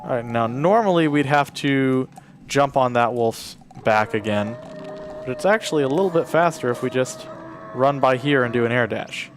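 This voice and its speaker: A speedrunner playing live at a charity marathon talks casually through his run, explaining his route and coaxing the game characters along as if they could hear him. His voice is medium-pitched at a normal speed, with faint music in the background.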